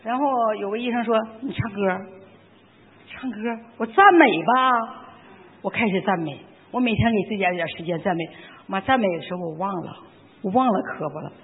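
Husky, high-pitched man testifying. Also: fairly quick. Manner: fervent, animated, with emphatic outbursts. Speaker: church member giving testimony. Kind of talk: emotional testimony. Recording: echoey hall, tinny phone-like sound.

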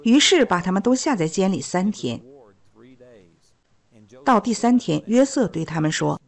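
A woman's voice: medium pitch, expressive, moderate pace, gravelly. A woman teaching a Bible story, retelling the scripture in plain storytelling.

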